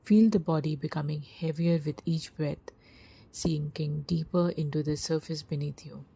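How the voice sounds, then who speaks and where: In a low-quality recording, a woman reads a scripted guided meditation with a soft, breathy, husky voice. Her pitch is low and her tone steady, and she speaks slowly and soothingly in a hush, pausing at length.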